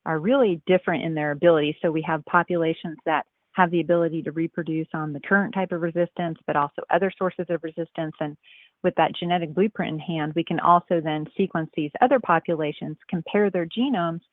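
A woman's voice: low-pitched, fairly even intonation, fast talker, dry recording. A woman researcher answering radio interview questions over the phone, explaining carefully with frequent ums and uhs. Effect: heard over the phone. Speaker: nematologist, interview guest. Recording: tinny phone line.

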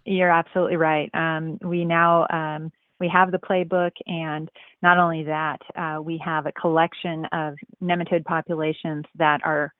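A woman's voice: low-pitched, level tone, moderate pace, dry recording. A woman researcher answering radio interview questions over the phone, explaining carefully with frequent ums and uhs. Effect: heard over the phone. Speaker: nematologist, interview guest. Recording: tinny phone line.

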